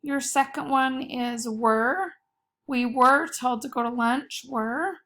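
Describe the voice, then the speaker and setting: An elementary school teacher dictates a spelling test, carefully setting each word apart and saying it again. Her voice sits high and fairly bright, and she speaks slowly.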